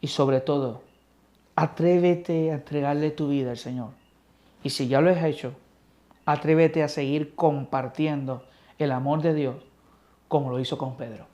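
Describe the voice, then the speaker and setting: A man teaching a Bible study like a sermon, swinging between loud emphasis and soft near-whispers. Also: a little high, steady tone, a little slow.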